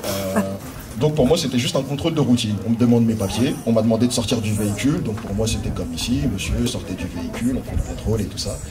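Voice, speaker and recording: A man's voice: on the low side, fast. A man from France doing stand-up, telling a story in a casual, anecdotal way with hesitant fillers. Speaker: stand-up comedian. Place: live stage before an audience. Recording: distant mic over a loud audience.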